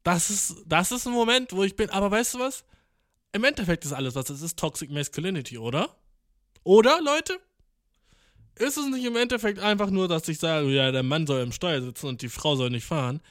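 Young guy, casual vlog rant, slang-heavy, ironic, a bit higher voice, dry close mic. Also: animated, fast, a bit bright, dry recording. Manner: slangy, ironic, rambling, mixes English words. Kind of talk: casual monologue to camera.

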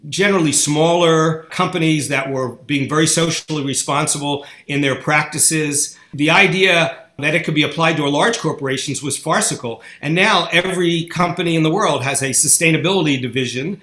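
A man's voice: on the high side, pushed and bright. A man answering interview questions bluntly and argumentatively. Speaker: guest. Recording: echoey room.

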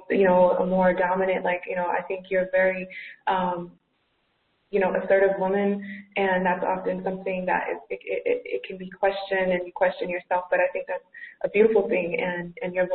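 Young woman caller heard through a computer call, earnest and halting, level tone, roomy tinny audio. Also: on the low side. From Georgia, US. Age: 20s. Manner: earnest and grateful, hesitant with many fillers. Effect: heard through a call on a computer speaker. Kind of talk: live call-in chat. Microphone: computer mic over a call. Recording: echoey, tinny call line.

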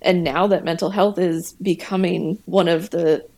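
Candid, laughing woman, lowish voice. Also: fairly even intonation, moderate pace, creaky, dark tone. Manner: candid, laughs often, acts out her own past remarks. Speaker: guest, veterinary technician and ER manager. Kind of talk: conversational podcast interview.

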